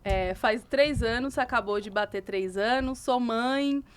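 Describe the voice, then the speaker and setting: A woman's voice: a little high, measured pace, smooth. A Cuban-born woman who speaks Portuguese with a Cuban Spanish accent, Spanish being her first language, telling her story as a guest in an interview. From Cuba. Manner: animated, laughs often while telling stories.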